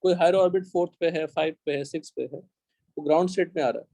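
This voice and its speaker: A man's voice: fairly high pitch, steady tone, vocal fry, mellow, no echo. A young man with an Indian accent teaching a live chemistry class, explaining step by step and often checking whether the class is following. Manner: dictates slowly in English.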